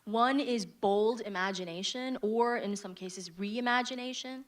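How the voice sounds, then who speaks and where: A woman's voice: a little high, unhurried. Woman panelist explaining ideas. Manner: structured, explanatory, engages the audience with questions. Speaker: business executive panelist. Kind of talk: panel answer.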